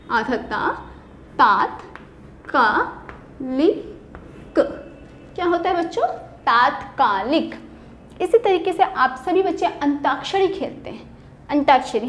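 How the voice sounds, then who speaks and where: A woman with a high, light voice and an Indian accent, teaching a school lesson for children. She is patient and spells each word out syllable by syllable, putting questions to the class and then answering them herself. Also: slight background noise. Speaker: Hindi teacher.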